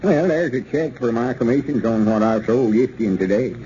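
A man's voice: medium pitch, animated, fairly quick, dark tone, natural voice. An actor playing an eager, gullible small-town man with a rural Southern accent and folksy country talk in an old radio serial. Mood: pleased, eager. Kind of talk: old-time radio comedy serial acting. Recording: dull, noisy old radio recording.

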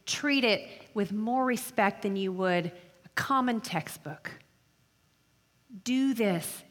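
A middle-aged woman giving an earnest, emphatic talk to college students, slowing down to stress key phrases. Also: medium pitch, fairly bright tone. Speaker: speaker addressing college women. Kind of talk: sermon. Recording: long hall reverb.

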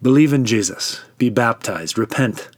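Cheerful male apostle, man voicing, laughing storyteller, unshaken, mid pitch. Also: lively intonation, normal speed, dry recording, natural voice.

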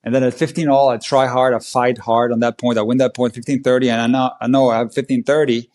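A man, a tennis coach and podcast guest, tells a match story in an animated, emphatic way. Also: medium pitch, fast talker. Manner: animated, emphatic play-by-play retelling. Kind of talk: conversational storytelling.

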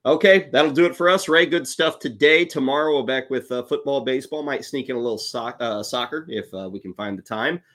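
A man's voice: medium pitch, brisk, few pauses. Chatty man co-hosting sports talk. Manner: chatty, laughs often, animated. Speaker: podcast co-host.

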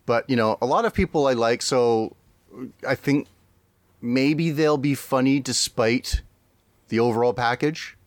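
A man's voice: medium pitch, unhurried, no echo. A man co-hosting a podcast, chatting casually and rambling with frequent laughs and restarts. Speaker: podcast co-host.

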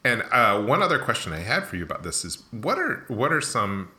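Low-pitched, bright-toned storytelling man. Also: very animated, fairly quick. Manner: storytelling, asks questions. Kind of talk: casual chat.

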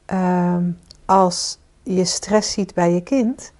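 A podcast co-host who also works as a coach talks casually and warmly, inviting listeners in with questions. Her voice is fairly low, with fairly even intonation and drawn-out words.

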